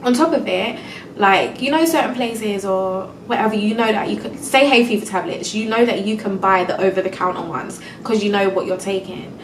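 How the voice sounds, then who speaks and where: A woman's voice: medium pitch, moderate pace, echoey room, distant mic, noisy background. A young woman venting in a casual storytime vlog, exasperated and close to tears, full of "like" and "do you know what I mean". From England. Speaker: vlogger.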